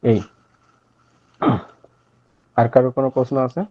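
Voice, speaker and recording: A man gives an evening language class over a video call, speaking patiently with frequent pauses and filler sounds. His voice sits at an ordinary pitch. The audio is a little dull and completely dry, with no room sound. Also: flat delivery, no echo. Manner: patient, explanatory, many fillers. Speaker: online language teacher. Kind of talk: casual online class. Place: home at night.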